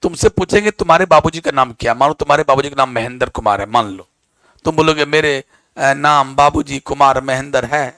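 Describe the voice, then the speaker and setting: A man's voice: a little high, a bit bright, dry recording. A male teacher giving a classroom lecture, quizzing and scolding his students.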